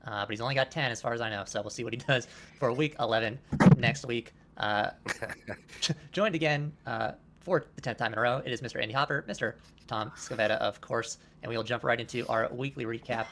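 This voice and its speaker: A man's voice: mid-range voice, a little fast, a bit bright, slight background noise. A man hosting a casual college football talk show in an upbeat way. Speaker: show host.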